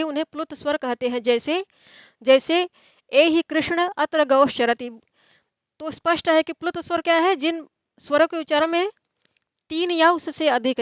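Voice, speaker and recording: A woman's voice: high-pitched, a bit bright, no room sound. A young woman tutoring for an exam in an online lecture, explaining step by step and answering her own questions. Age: young adult.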